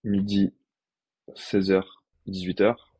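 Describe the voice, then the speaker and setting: A man's voice: low voice, level tone, slow, warm tone, husky, no echo. A man, a physiotherapist guest on a podcast, explaining his practice step by step in a casual, thinking-aloud way.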